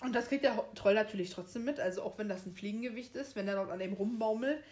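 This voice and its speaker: A young woman in casual chat, retelling a story scene by scene, quick to correct herself and laughing easily. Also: medium pitch, a little mellow. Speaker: podcast co-host reading a book aloud.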